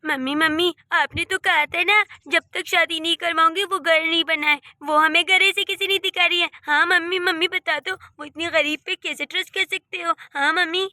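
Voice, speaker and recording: A woman's voice: extremely high pitch, steady tone, pushed and bright, dry recording, clean studio sound, heavily acted. Woman voicing a spoiled, mocking young sister. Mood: complaining. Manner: teasing, boastful, fast. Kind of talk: Hindi cartoon voice acting.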